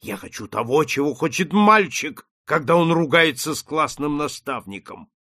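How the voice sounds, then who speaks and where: Man doing a calm, eccentric retired gentleman. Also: a little high, normal speed, pitched above the performer's own voice. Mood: fervent.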